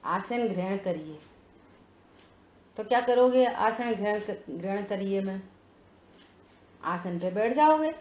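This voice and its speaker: A woman's voice: medium pitch, measured pace, pauses often, darkish tone. A woman leading a religious text study class. She explains step by step and keeps checking that listeners follow. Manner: reads sutra phrases word by word. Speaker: scripture study teacher. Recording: roomy, dull lo-fi sound.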